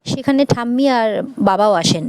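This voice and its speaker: A woman narrating a recap of a television serial episode in a brisk storytelling manner. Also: on the high side, animated, a little mellow, no room sound.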